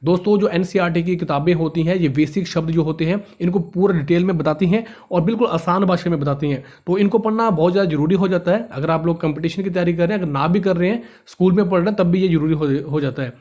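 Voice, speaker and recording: A man with a high voice teaches from a textbook, speaking to his students as friends. He reads each passage aloud and then goes back over it in easier words. He often trips over a word and starts it again. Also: fast, hardly any pauses, darkish tone. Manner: reads a line, then explains it in simpler words; often stumbles and restarts words. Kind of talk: reading and explaining a textbook lesson.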